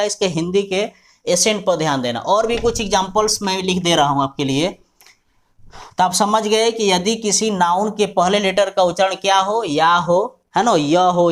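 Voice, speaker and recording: A man teaching English grammar in a classroom-style lesson. He spells out words letter by letter in front of a writing board and often checks whether his students have understood. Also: high-pitched.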